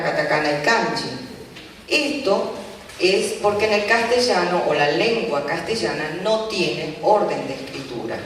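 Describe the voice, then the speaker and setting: A teacher gives a lecture at a community event, explaining patiently and pausing often with filler sounds. The voice sits at a middle pitch. It is caught from a distance in a large hall, with heavy echo and a faint hiss. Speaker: Japanese language teacher. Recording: echoey hall from far off, faint noise.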